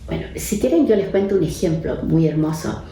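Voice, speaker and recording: A woman, a neuropsychiatrist, explaining calmly with anecdotes and often ending her points with a questioning "right?". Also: low-pitched, fairly quick, creaky. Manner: frequent tag questions, calm explaining. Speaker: neuropsychiatrist guest speaker. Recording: very echoey room, faint background noise.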